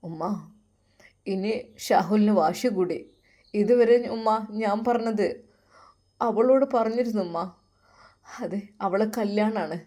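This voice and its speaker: An earnest, resentful young man telling his mother what happened, as a woman storyteller voices him. The tone stays mellow, in a Malappuram Malayalam accent. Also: medium pitch, slow pace, pauses often, close to an everyday voice. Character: hurt determined young man.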